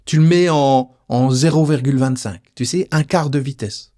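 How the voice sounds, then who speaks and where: Speaking at a normal pace with a warm, medium-pitched voice, a man delivers a casual spoken lesson as a personal development teacher. His delivery is playful and informal, aimed straight at the listener.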